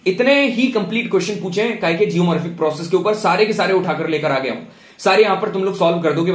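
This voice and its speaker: A young male teacher gives an exam-prep lecture, switching between Hindi and English, repeating key terms and speaking straight to his students. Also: high voice. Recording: roomy echo.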